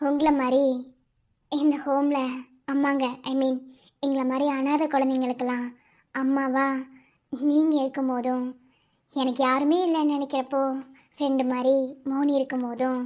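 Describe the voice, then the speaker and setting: A woman's voice: high-pitched, level tone, moderate pace, pauses often, darkish tone, natural voice. A woman voicing a tender young orphan woman. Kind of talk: animated cartoon dialogue.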